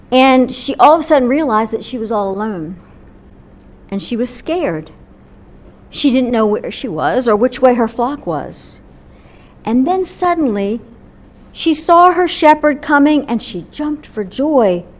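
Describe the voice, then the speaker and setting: A woman pastor tells a quiet storybook sermon to her congregation. Her voice sits somewhat high and moves at an unhurried pace. She often lets her phrases sink into a soft, breathy hush. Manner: gentle, unhurried, softening to near-whispers at phrase ends.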